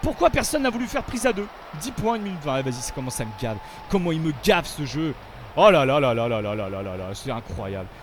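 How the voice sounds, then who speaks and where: A man giving gameplay commentary as a video host, animated, often swearing and yelling in frustration. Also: a little high, fast talker, a little hiss or hum.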